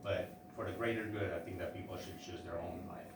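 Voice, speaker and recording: A man giving public testimony at a hearing, halting with many fillers and restarts. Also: low voice, steady tone, noisy background. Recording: echoey hearing room from far off.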